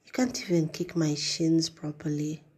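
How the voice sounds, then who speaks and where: A woman's voice: sits low, little pitch movement, moderate pace, darkish tone, husky. A woman doing a smug, sneering young man. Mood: smug taunting. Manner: taunting, sneering.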